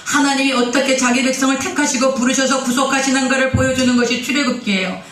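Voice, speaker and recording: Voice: sits high, fairly even intonation, quick pace, a bit bright. A pastor delivers a sermon in a roomy sanctuary, heard from a distance off the mic. The preacher keeps putting questions to the congregation and answering them in turn. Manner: acts out quoted speech in character. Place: church sanctuary.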